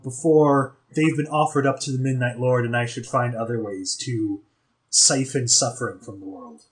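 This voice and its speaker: A man's voice: mid-range voice, steady tone, moderate pace. A man running a tabletop game as game master over a video call, hesitant with many ums and restarts.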